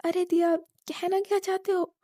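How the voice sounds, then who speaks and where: A woman's voice: very high-pitched, level tone, normal speed, mellow, no room sound, clean studio sound, pitched above the performer's own voice. A woman voicing a playful younger sister who teases her elder sister. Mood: teasing. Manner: teasing.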